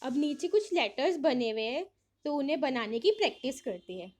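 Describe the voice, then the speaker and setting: High-voiced woman teaching young children. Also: sing-song, darkish tone. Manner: reads English lines slowly, then explains in Hindi; asks questions and answers them herself. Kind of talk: explaining a worksheet to young children.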